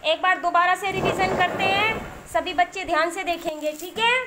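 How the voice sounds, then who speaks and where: High-voiced woman teaching small children. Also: steady tone, very noisy. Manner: spells words slowly sound by sound, asks and repeats. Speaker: primary school teacher. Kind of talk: classroom lesson for young children.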